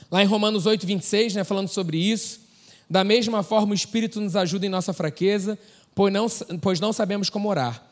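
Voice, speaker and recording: High-voiced Brazilian pastor preaching casually. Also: male voice. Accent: Brazilian Portuguese. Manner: informal preaching with slang and laughter. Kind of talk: sermon.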